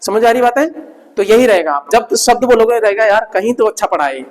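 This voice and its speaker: A man's voice: high-pitched, expressive, fairly quick, in a large hall, poor audio. A man teaching a live English class, drilling letter sounds over and over in a playful, teasing way. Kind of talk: live online grammar class.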